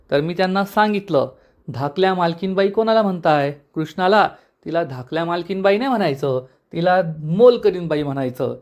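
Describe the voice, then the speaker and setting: A man voicing a scheming, sharp-tongued young wife who taunts others quickly, in a TV serial recap. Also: high-pitched. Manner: taunting, fast mocking delivery.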